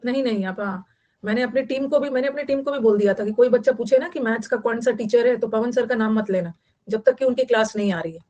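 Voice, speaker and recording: A woman's voice: fairly high pitch, fast talker, warm tone, muffled recording. A woman from Bihar, teaching vocabulary in a chatty online class and repeating key words for note-taking. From Bihar, India.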